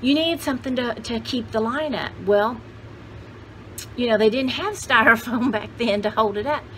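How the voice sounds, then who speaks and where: Chatting casually from a home studio with shelves, the sixties-aged host of a vintage haul channel rambles in a folksy, jokey way. Her voice is on the high side and a bit bright, at a normal speed. The recording is rough, with a little hiss or hum.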